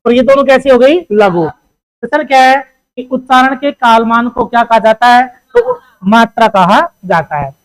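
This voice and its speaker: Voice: mid-range voice, unhurried, low-quality recording. A teacher giving an exam-prep grammar lesson. The teacher keeps asking questions, answers them, and calls the listeners "beta.".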